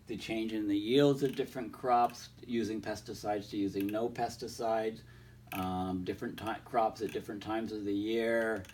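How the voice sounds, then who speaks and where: Standing indoors before a large projected screen, a climate science video host with a cold explains research papers in a rambling way, reading passages aloud with many ums and restarts. His voice is lowish, darkish and a bit off, and he's far from the mic with slight background noise.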